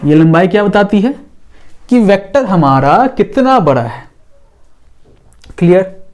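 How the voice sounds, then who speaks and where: A man's voice: high voice, lively intonation, unhurried, darkish tone. A man teaching a physics lesson in a casual, patient way, drawing on a board as he talks and often checking that the class follows.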